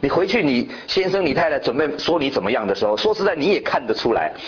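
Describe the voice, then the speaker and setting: A male preacher giving a sermon in an animated way, peppering his listeners with rhetorical questions, on a dull lo-fi recording. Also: fairly high pitch, fast talker. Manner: animated, quizzing the congregation with repeated rhetorical questions.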